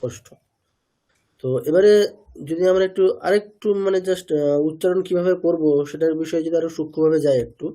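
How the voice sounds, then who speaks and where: A Sanskrit pronunciation teacher from India runs an online class lecture, keeping his students answering questions that he then repeats, and voicing individual syllables over and over to show their formation. His fairly high, mellow voice stays steady as he speaks fast.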